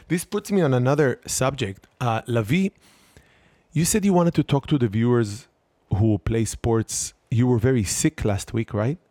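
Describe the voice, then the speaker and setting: Joking guy hosting a family chat, mid pitch, dead dry room. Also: unhurried, mellow, dry recording. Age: adult. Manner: playful, joking, teasing. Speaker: host of a family sports show. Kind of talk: casual chat.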